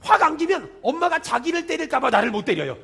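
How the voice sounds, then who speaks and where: High-pitched impassioned preacher man. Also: big pitch swings, quick pace, vocal fry, a bit bright, soft background music. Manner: impassioned preaching with repeated refrains; folksy storytelling, addresses congregation directly. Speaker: pastor. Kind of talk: sermon. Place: church sanctuary.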